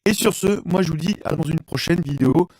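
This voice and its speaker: Man talking through a relaxed tutorial. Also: a little high, brisk, no room sound, clean studio sound. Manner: relaxed, many fillers and self-corrections. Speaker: tutorial channel host. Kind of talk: casual screen-recorded software tutorial.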